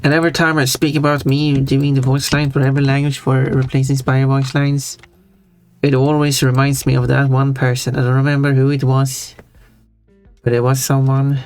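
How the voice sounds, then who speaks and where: A streamer with a Swedish accent, chatting casually on a live stream in a rambling, halting way with frequent giggles. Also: medium pitch, level tone, a little mellow, faint music behind.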